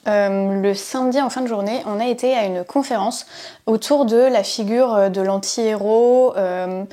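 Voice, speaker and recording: A woman's voice: medium pitch, normal speed, mellow. A woman in her late twenties, a bookseller from France, chatting casually in a book haul vlog with many fillers, sometimes reading passages aloud. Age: late 20s.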